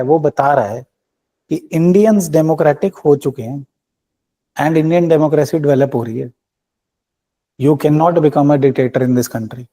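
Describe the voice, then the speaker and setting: A man's voice: fairly high pitch, dark tone. A man teaching a current-affairs class for exam students, mixing English phrases into his explanations and often checking in with rhetorical questions. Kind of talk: Hinglish current-affairs lecture.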